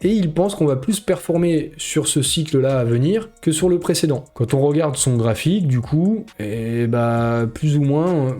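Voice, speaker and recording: A man talks straight to his viewers in a loose, unscripted explanatory style, often pausing on fillers as he works through a point. His voice sits a little high for a man, yet its tone stays soft and mellow. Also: expressive. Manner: conversational, hesitant with frequent fillers; addresses viewers directly. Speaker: channel host. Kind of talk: casual explanatory commentary.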